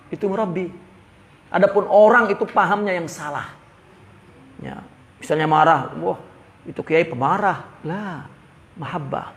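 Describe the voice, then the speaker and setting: A man giving a religious lecture on a classical Arabic text, mixing Arabic phrases with lively slang. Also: sits high. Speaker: religious teacher. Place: religious study gathering.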